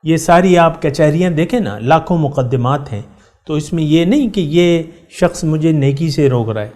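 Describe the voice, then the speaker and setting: A middle-aged man giving a Quran lesson as a sermon, speaking straight to his listeners, repeating key words for emphasis and reciting verses slowly. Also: on the high side, expressive, a little mellow. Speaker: Quran teacher.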